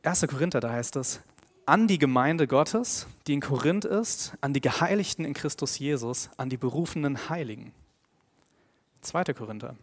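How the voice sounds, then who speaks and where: A man preaches a sermon in an earnest, animated voice of medium pitch. He grows emphatic and louder when stressing his main points, then drops quiet and slow on key phrases.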